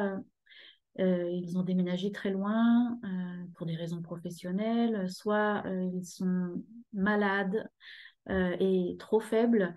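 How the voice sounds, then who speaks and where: On a video call from her living room, a woman in her fifties who belongs to a horse rescue association talks at length as a guest, using a laptop webcam. Her medium-pitched voice is warm, and she is chatty yet hesitant, filling her speech with fillers.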